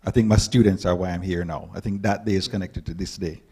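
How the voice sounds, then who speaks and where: A Jamaican man, a panel guest, telling animated stories and acting out quotes. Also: deep voice, quick pace, slightly rough. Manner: animated storyteller, acts out quotes. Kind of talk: storytelling panel talk.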